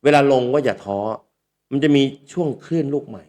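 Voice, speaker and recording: A man's voice: mid-range voice, fairly quick. A man, hosting a casual storytelling talk and acting out the voices of people he quotes. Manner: lively, acts out quoted voices. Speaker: speaker and talk show host.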